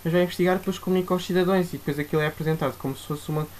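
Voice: medium pitch, fairly even intonation, racing, a little mellow, slight background noise. A young adult with a European Portuguese accent co-hosting a podcast, giving opinions casually and insistently, rephrasing points as they go. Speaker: podcast co-host.

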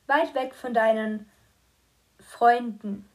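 A woman reading a stern, controlling mother's lines in an audiobook, slow and clear with bitter edges. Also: a little high, fairly even intonation. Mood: cold. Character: stern middle-aged mother, cold and controlling.

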